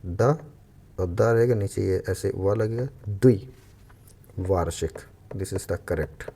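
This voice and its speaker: Low gravelly guy teaching spelling for exams, repeats every word slowly, bit of noise behind. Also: steady tone, dark tone. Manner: explains step by step, repeats each word slowly. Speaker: Hindi exam coach. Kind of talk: spelling lesson for exam aspirants.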